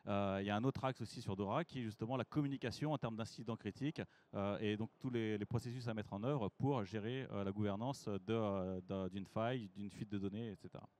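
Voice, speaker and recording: A technical director giving a conference masterclass. He speaks in an informal, lively way and asks the audience questions. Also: on the low side, brisk, few pauses.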